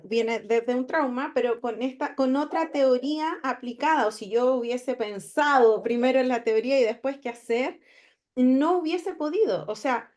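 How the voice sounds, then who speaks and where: A woman's voice: sits high, a little mellow. A woman student sharing a personal example in class, hesitant and often restarting her sentences.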